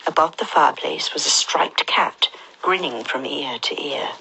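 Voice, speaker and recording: A woman reads a children's storybook in a soft, half-whispered and gentle voice. Her voice sits low but sounds bright and very breathy. It fits a calm story read aloud. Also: measured pace, rough recording.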